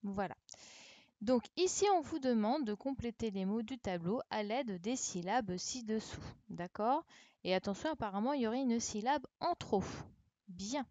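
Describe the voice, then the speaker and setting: A woman's voice: fairly high pitch, animated, moderate pace, mellow, no room sound, highs cut off. A woman teaching a primary class over a live stream, patient and encouraging, repeating each answer for the children. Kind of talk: online class correction, speaking slowly to children. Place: home, remote livestream. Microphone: computer mic on a live stream.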